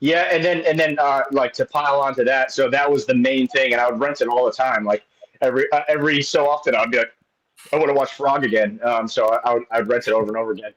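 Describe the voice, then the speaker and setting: A man's voice: medium pitch, steady tone, fast, fairly bright tone, dull audio. A man in his late thirties, a guest in casual chat, rambling along with many restarts and fillers. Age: 30s.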